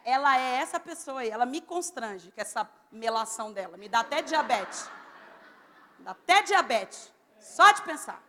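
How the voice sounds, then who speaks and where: A woman preaching a sermon, loud and very expressive. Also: fairly high pitch, normal speed, long reverb tail. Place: church.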